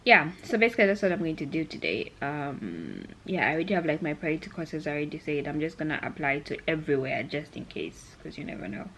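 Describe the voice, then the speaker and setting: In this casual vlog, a young Zambian woman speaks fast with hardly any pauses, her low, slightly bright voice full of lively intonation. She chats and rambles, often going back over her own points, against slight background noise.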